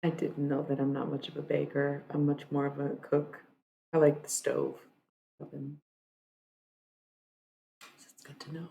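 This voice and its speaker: A woman's voice: low-pitched, monotone, unhurried, creaky, pauses often, mellow, slight background noise, poor audio. A woman in her thirties chatting casually with her live stream viewers, rambling and chatty, often saying "like" and "bro". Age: 30s.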